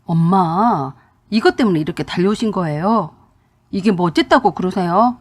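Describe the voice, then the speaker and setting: A woman's voice: lowish voice, lively intonation, normal speed. A woman voicing a young husband who argues defensively with his mother, in a radio drama reading. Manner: pleading, defensive complaining.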